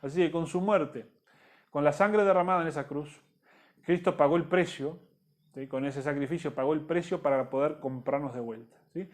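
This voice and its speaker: A man's voice: fairly high pitch, normal speed. A man teaching a church discipleship Bible class in Rioplatense Spanish, repeating key points and checking in with the listeners.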